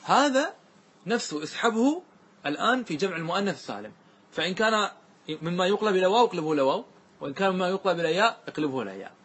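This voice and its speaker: A man teaching a grammar class, who questions his students often and repeats key points. He recites verse lines slowly and draws them out. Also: sits high, lively intonation, fairly bright tone, breathy edge. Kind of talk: classroom lesson.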